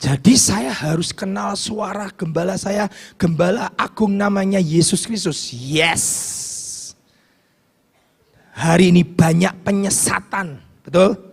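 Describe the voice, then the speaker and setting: A man preaching a sermon as pastor, fervent, swinging between loud shouts and hushed asides. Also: sits high, takes it slowly, gravelly, breathy edge. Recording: long hall reverb.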